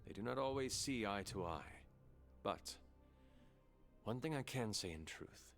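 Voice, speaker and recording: A man's voice: fairly low pitch, animated, unhurried, gravelly, fairly bright tone, faint music behind, full character voice. A man playing a solemn demon-hunting warrior who speaks formally and earnestly.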